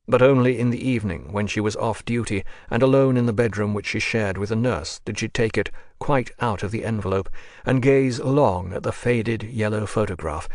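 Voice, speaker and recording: A man narrating an audiobook of a classic novel in a measured, even manner, gently lifting his voice for the characters. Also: fairly low pitch, no echo, studio quality.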